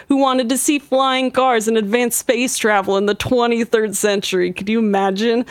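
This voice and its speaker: A woman's voice: on the high side, dry recording, lightly acted. A woman voicing a laid-back young surfer-bro man reading a parody ad in slangy, salesy bro talk. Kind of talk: parody ad read.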